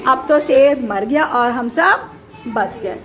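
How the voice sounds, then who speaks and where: A woman teacher telling a story to a class of children in an animated way, asking them questions as she goes. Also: sits high, takes it slowly, a crowd in the background.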